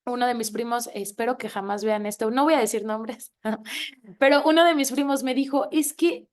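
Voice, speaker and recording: A woman hosting a faith-based reading circle, chatty and animated, laughing often and calling her listeners friend. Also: a little high, moderate pace. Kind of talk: faith-based casual talk to a reading group.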